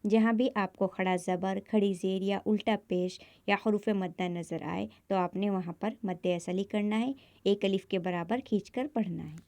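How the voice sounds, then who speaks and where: A woman with a Pakistani Urdu accent gives a step-by-step recitation lesson at a middle pitch. She stretches each example word slowly and repeats every rule patiently. The sound is dry and close, with no room around it. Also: steady tone, a little mellow, dry recording. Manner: slow, drawn-out example words, repeats rules patiently. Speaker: Quran recitation teacher.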